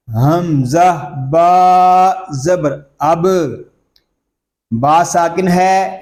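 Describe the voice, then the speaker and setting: A man teaching Quran recitation, spelling each word letter by letter with slow drawn-out syllables, then explaining tajweed rules quickly. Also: high voice, darkish tone.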